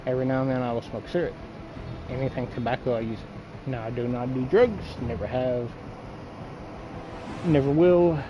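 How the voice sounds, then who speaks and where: Speaking quickly in a mid-range voice, this man creates gaming videos and chats bluntly around a mouthful of dip, cursing constantly in a coarse, rambling way. The sound is lo-fi with noise behind him.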